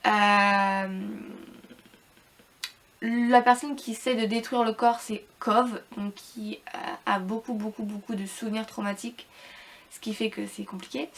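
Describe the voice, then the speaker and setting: A woman giving a casual, rambling book review to viewers, hesitant and repetitive, with informal slangy wording and slightly robotic, unclear speech because she is ill. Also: fairly high pitch. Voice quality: slightly robotic, hard-to-understand speech from illness.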